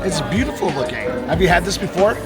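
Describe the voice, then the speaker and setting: A man with a high voice gives joking, animated reactions to food in a casual vlog. He is outdoors in a dining area. Loud music and a dense crowd fill the background. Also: fast.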